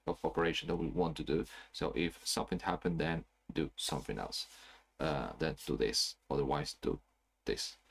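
Low gravelly man explaining software. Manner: loose, hesitant explaining with fillers and hummed pauses. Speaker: software trainer. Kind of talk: screen-recorded technical tutorial. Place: small indoor room.

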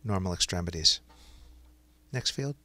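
A man with a fairly low, crisp and forward voice is dictating clinical notes to software. He speaks his punctuation aloud, and the sound is close and dry. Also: expressive, measured pace, dry recording. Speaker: software demonstrator.

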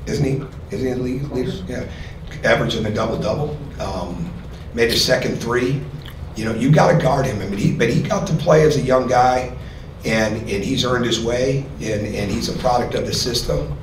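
A man's voice: medium pitch, normal speed. A middle-aged man, a basketball coach, answering questions at a postgame press conference in an earnest manner, often repeating words while he thinks. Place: press room with sponsor backdrop. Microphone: podium mic. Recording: echoey room, distant mic, noisy.

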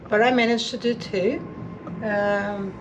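A woman's voice: medium pitch, fairly even intonation, slow pace, muffled recording, noisy background. A woman in her fifties gives a casual, earnest update on her wiring work, recorded close inside a boat cabin. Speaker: boat-building vlogger. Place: indoors in a barge cabin.

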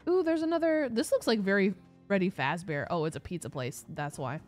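A woman's voice: mid-range voice, animated, brisk, darkish tone, faint music behind. A woman streaming a game as host, chatting casually with a giggly, rambling manner full of fillers. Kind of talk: casual gaming chat.

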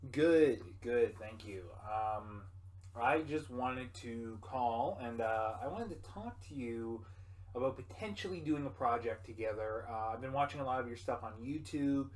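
A man's voice: mid-range voice, a little slow, lightly acted. A young man playing an obsessive movie fanboy and reviewer who rants profanely about films. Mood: awkward polite. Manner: ranting, profane hot takes. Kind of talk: short film acting.

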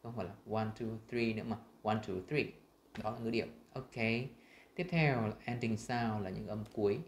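Vietnamese-accented male tutor, lower voice, demonstrates words slowly in an echoey room. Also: slight background noise. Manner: models English words slowly and loudly between explanations. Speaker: English pronunciation teacher. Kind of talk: screen-share lesson.

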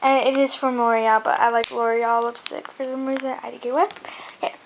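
A woman's voice: a little high, flat delivery, brisk, slight background noise, low-quality recording. A young woman vlogger chatting about her favourite beauty products, rambling with lots of fillers and restarts. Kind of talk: casual chat.

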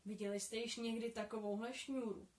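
A woman's voice: a little high, steady tone, echoey room, close to an everyday voice. Rikitan, a woman reading as a kindly young adventurer. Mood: friendly. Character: friendly young man, teasing, worldly adventurer.

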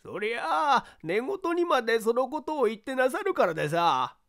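Woman doing an old male servant, rustic dialect, halting, insistent, swooping lively pitch. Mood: earnest. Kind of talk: audiobook character reading.

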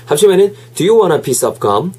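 A man with a slightly husky voice gives a casual video English lesson. He switches between languages and repeats short phrases over and over. His delivery is lively and encouraging. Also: a little high, measured pace. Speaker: English teacher.

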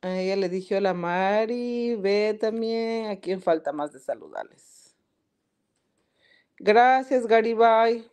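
A woman's voice: medium pitch, takes it slowly, darkish tone, clear, resonant tone. A woman hosting a casual live stream, chatty and laughing often as she greets viewers by name. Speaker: podcast live-stream host. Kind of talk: casual live-stream chat reading comments.

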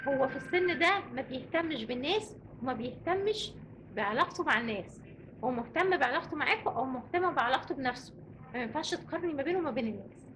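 An Egyptian woman talks parents through raising teenagers in a brisk, emphatic way. Her voice sits high and moves fast. A clear hiss of noise runs under her speech. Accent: Egyptian Arabic. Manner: brisk, emphatic, rhetorical questions. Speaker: parenting expert. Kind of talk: advice talk to parents.

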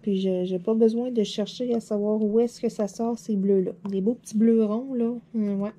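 A woman with a Quebec French accent, chatting casually while crafting, a bit hoarse from a dry throat, rambling and laughing often. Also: medium pitch, fairly even intonation, normal speed, dark tone. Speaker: diamond painting vlogger.

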